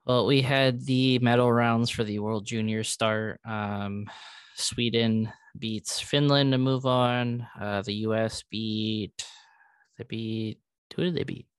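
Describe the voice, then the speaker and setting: Clear-voiced man, dry podcast sound. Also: medium pitch, steady tone, slow pace, dry recording. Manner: conversational, hedging with fillers. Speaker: podcast co-host. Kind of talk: casual sports chat.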